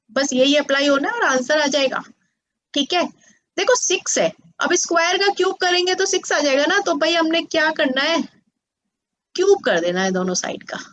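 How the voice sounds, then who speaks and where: Slow, high-voiced woman tutoring maths. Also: a bit bright. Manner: patient, coaxing, checks understanding often. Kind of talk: explaining maths to students. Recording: slightly dull lo-fi sound.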